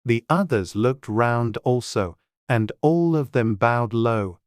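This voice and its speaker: A man's voice: mid-range voice, expressive, slow pace, no echo, clean studio sound. A man reading scripted storybook narration as an audiobook narrator. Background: faint music.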